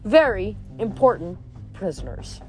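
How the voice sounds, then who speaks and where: A woman's voice: mid-range voice, big pitch swings, a little slow, a little mellow. A woman doing a gloating male sea god. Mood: taunting. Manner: mocking, sing-song showman.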